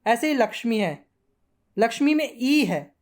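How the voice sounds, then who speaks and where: A woman's voice: a little high, big pitch swings, unhurried, a little mellow. A woman teaching a grammar lesson, patiently repeating word forms and checking in with her students often. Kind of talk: classroom lesson.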